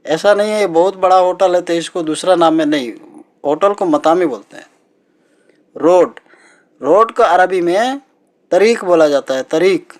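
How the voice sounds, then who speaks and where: A man teaching everyday vocabulary as a language teacher, repeating each word slowly and patiently. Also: sits high. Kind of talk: teaching Arabic words in Hindi.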